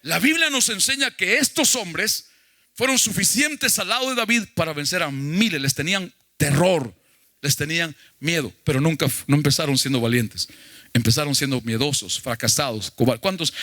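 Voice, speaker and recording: Male pastor, sermon, fairly high voice, emphatic and questioning, dry close sound. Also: lively intonation, moderate pace, sharp tone, no room sound. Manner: emphatic preaching with questions to the congregation.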